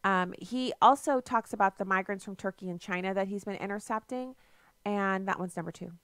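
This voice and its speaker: A woman's voice: mid-range voice, brisk, fairly bright tone, no echo, clean studio sound. A woman hosting a talk radio show, talking in a folksy, heated and emphatic way.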